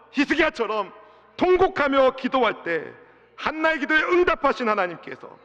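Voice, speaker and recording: A man, the senior pastor, preaching an impassioned sermon, swinging from loud cries to soft asides and leading his congregation in reading together. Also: sits high. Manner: leads the congregation in responsive reading. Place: church sanctuary. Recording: dull reverberant church sound system.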